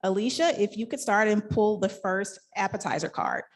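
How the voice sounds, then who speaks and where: A woman's voice: medium pitch, normal speed. A woman hosting and moderating a live panel discussion, reading a scripted introduction with upbeat, laughing asides. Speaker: event host and moderator.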